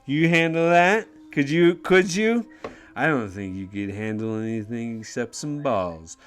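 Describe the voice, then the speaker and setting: A man's voice: mid-range voice, expressive, unhurried, a bit bright, faint music behind. A man voicing a crude, belligerent drunk male guard who jeers and swears constantly. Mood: jeering. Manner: slurring, jeering, swearing constantly.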